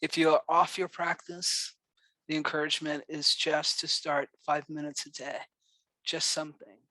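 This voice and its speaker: A man with a New York accent giving a gentle, encouraging dharma talk to a meditation group, speaking unhurriedly with pauses. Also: a little high, level tone, no room sound. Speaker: meditation teacher.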